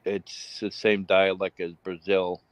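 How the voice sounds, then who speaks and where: A man's voice: low-pitched, level tone, slow pace. A man with a Boston accent in casual chat on a live stream, rambling with many restarts.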